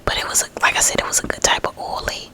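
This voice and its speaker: A woman rambling gently in a breathy ASMR whisper, lingering on drawn-out words. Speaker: ASMR host.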